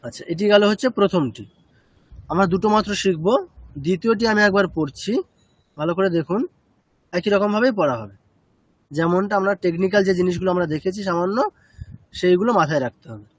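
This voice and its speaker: High-voiced man teaching chanting. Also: fast, long pauses, no room sound. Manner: explains step by step, checking understanding with short questions. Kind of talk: explanatory class on chanting.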